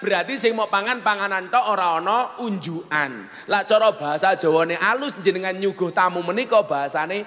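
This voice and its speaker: Joking Javanese preacher in an echoey hall. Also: male voice, high-pitched, fairly bright tone. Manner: jokey, switches between Javanese and Indonesian, acts out voices. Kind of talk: humorous Islamic sermon. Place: large venue before an audience.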